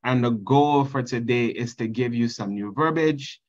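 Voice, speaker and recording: A man's voice: mid-range voice, moderate pace. Trinidadian man, 30s, earnest conference presenter over a slightly muffled video call. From Trinidad and Tobago. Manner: earnest, reads slide text then explains.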